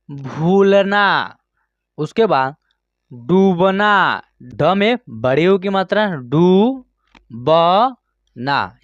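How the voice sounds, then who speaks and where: Slow, high-voiced man teaching reading. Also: no room sound, muffled recording. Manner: slow, drawn-out word-by-word pronunciation with frequent check-ins. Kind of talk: online reading lesson.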